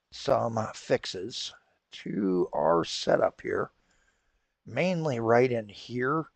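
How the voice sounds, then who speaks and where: Mid-range with vocal fry and no room sound, the gaming channel host plays and chats casually despite a stuffy head cold and raw throat. He rambles, keeps correcting himself, and apologizes along the way.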